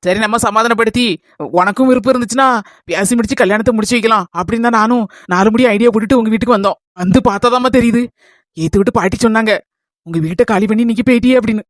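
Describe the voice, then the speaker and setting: A woman acting a motherly village woman in a comedy skit, with a Kanyakumari Tamil accent, calmly explaining. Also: on the high side, racing, dry recording, close to an everyday voice. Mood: coaxing. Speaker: skit actress.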